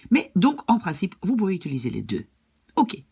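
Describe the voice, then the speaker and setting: A woman's voice: on the low side, huge pitch swings, moderate pace, vocal fry, warm tone, breathy edge. A woman language teacher patiently explaining grammar rules and often checking that her students follow.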